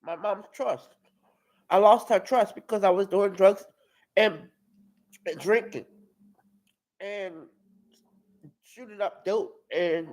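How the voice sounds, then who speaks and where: Halting, high-voiced young man giving testimony. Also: a little mellow, poor audio. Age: 20s. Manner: halting, repeats and restarts words. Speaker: testimony speaker at a live-streamed outreach. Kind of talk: personal testimony.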